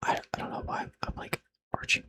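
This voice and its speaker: A man doing an unscripted ASMR whispered role-play, rambling playfully in a breathy, unvoiced whisper and repeating short phrases over and over. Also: quick pace. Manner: playful, self-deprecating, teasing.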